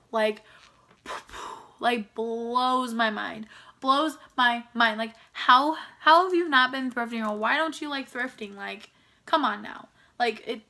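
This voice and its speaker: A young woman vlogging casually about thrifting, hoarse and crackly while recovering from an illness, bubbly and full of "like". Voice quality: squeaky, crackly voice. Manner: bubbly, excitable, lots of "like". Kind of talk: casual chatty vlog.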